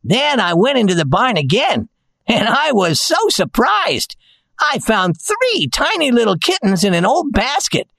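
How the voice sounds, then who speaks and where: A man's voice: very high voice, big pitch swings, unhurried, gravelly, sharp tone, no echo, pitched above the performer's own voice, full character voice. A man voicing a friendly, talkative male farm dog in a storybook reading, with an earnest, chatty manner.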